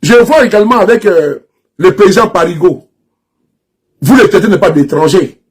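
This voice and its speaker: An animated social media commentator from Ivory Coast delivers a political rant straight to camera in an Ivorian French accent. His voice is high with a breathy edge and a moderate pace, and he's insistent, mocking and repetitive, often restarting his sentences.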